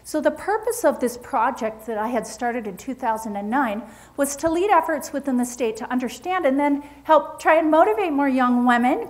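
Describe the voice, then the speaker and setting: A woman presenting research at a forum, talking through slides in an animated, emphatic way with frequent restarts. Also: sits high. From Utah.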